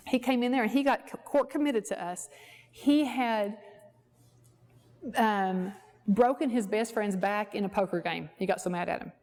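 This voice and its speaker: With a mid-range, slightly mellow voice, a woman therapist leads a workshop at a ranch. She lectures conversationally, sharing stories from her practice as personal anecdotes and voicing the quoted dialogue herself.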